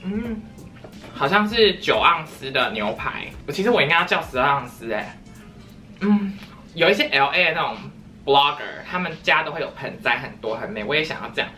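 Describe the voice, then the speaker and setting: A young woman hosts a casual eating vlog from home. Her voice sits low but rings bright and swings widely in pitch as she chats playfully and slips into silly sing-song bits. Soft music plays faintly underneath. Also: lively intonation, normal speed. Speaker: vlogger.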